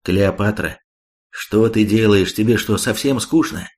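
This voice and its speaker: A man reading the part of a blunt, sharp-tongued male warrior in an audiobook. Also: on the low side, a little slow, lightly acted.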